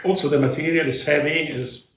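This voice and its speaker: A man's voice: fairly high pitch, steady tone, fairly quick, far from the mic. An older man giving plain-spoken opinions in a casual product review chat. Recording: echoey, noisy room, off mic.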